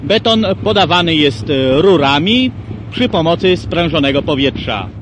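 An archive news reporter, a man with a slightly high voice, reads his report in a formal announcer's delivery. The sound comes from old worn tape with a faint hiss under it. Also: expressive, measured pace. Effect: played from old worn archive tape. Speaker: newsreel reporter.

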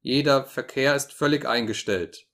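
A man's voice: mid-range voice, moderate pace, a bit bright, close to an everyday voice. A man voicing a panicked male newspaper editor pleading for help over the telephone, frantic and desperate. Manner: frantic, pleading, fading to a whisper.

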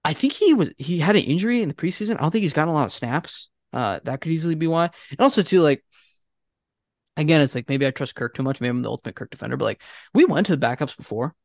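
A man on a sports podcast co-hosts with the exasperated energy of a disappointed fan. His voice swings widely between highs and lows as he argues his points. The sound is close and dry, with no room echo. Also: quick pace, vocal fry. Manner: animated, exasperated fan ranting. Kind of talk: casual sports chat.

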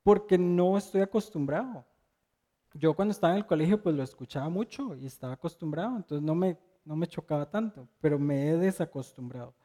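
A middle-aged man preaching with a mellow, somewhat high voice. He tells his sermon as a relaxed personal story, often asking rhetorical questions of his listeners. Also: brisk.

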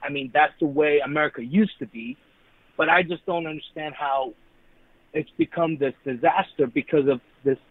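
Calling in to a radio talk show, a man from New York speaks hesitantly, with many restarts and fillers. His voice is fairly high with fairly even intonation at a moderate pace, coming through a tinny phone line with no room sound.

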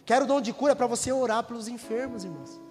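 A pastor with a notably high voice preaches to his congregation, slipping into the voices of the people in his stories. His words ring out in a long-echoing church hall. A guitar plays faintly underneath. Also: fast talker, a little mellow. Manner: preaches with rising intensity, acts out quoted dialogue. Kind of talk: sermon.

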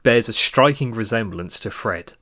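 A man with a low-pitched voice chats casually as a podcast co-host. He rambles, trails off mid-thought and laughs easily. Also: moderate pace, sharp tone. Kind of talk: casual chat about cartoons.

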